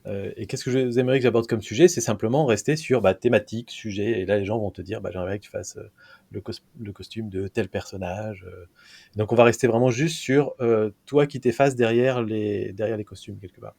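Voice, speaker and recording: A man's voice: fairly low pitch, steady tone, a little fast, creaky, a little mellow. A man hosting a podcast, interviewing his guest casually, thinking aloud with frequent fillers. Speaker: podcast host.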